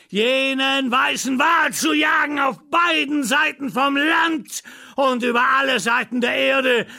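A man's voice: very high voice, gravelly, pushed and bright, heavily acted. A man in his sixties voicing an obsessed, vengeful old sea captain in an audiobook, with roaring, sobbing outbursts. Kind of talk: audiobook reading.

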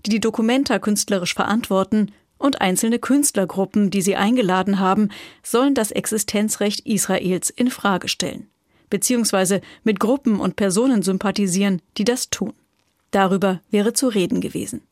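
A woman's voice: medium pitch, normal speed, darkish tone, no room sound. A woman working as a radio reporter, narrating a scripted news report in a studio.

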